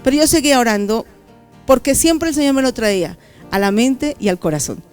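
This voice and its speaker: A middle-aged woman giving a testimony sermon at a church convention, telling her story with lively acted-out dialogue. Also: a little high, a little fast, soft background music. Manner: animated storytelling, acting out dialogue.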